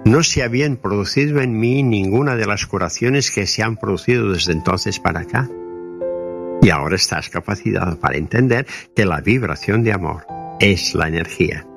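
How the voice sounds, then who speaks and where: A man gives a slow, earnest spiritual talk, explaining his ideas deliberately. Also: on the low side, expressive, vocal fry, faint music behind. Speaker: spiritual speaker.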